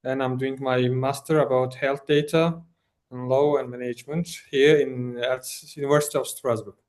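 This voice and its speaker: A man's voice: medium pitch, steady tone, moderate pace, darkish tone. A young man with a Turkish accent introducing himself as a student. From Turkey. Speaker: intern, master's student. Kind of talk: self-introduction.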